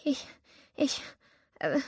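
A woman reading an audiobook who voices a frightened young woman at knifepoint, stammering and trembling while trying to sound calm. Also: very slow, no room sound, studio quality.

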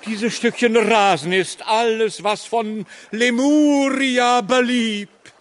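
An actor playing a castaway hermit poet and former thespian, declaiming grandly like a hammy stage actor in a comic audio drama. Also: male voice, very high-pitched, takes it slowly.

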